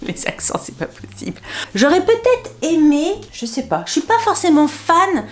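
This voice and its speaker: With a high-pitched voice that swings widely in pitch, a woman moves at a moderate pace through a clothing try-on haul. She's a fashion vlogger who laughs a lot, talks to herself, and sprinkles in fillers and silly sound effects.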